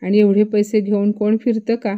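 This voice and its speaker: A woman's voice: mid-range voice, little pitch movement, normal speed, dull audio, lightly acted. A woman doing a chiding young daughter. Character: young married daughter, puzzled and teasing.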